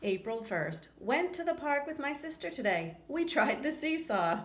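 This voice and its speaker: This is a high-pitched woman reading a children's story aloud at a moderate pace. She gives the lines lots of expression and pauses for casual chats with her young audience. The room sounds echoey, with faint noise in the background.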